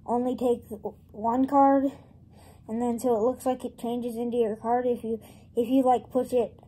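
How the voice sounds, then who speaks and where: A woman presenting a casual step-by-step tutorial, explaining things in an informal, halting way. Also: a little high, little pitch movement, dark tone, low-quality recording. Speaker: presenter of a card trick tutorial.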